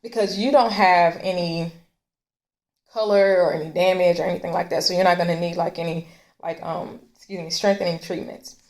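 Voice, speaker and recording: A woman's voice: on the low side, steady tone, normal speed, a little mellow. A woman hosting a casual hair care chat, explaining her advice in a conversational way. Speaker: host.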